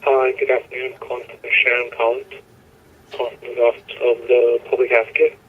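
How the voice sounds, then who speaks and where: A man's voice: mid-range voice, monotone, fairly quick, husky. A man leaving a short, polite voicemail, reading out a callback number, played back from a phone. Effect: voicemail played back over a phone speaker. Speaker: caller from an advocate's office. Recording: tinny phone voicemail playback.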